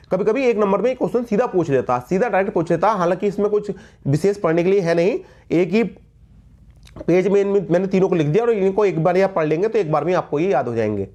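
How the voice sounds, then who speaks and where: A man's voice: sits high, darkish tone. A man with a Hindi accent teaching grammar for exam prep in an emphatic way, repeating key words and calling his viewers friends.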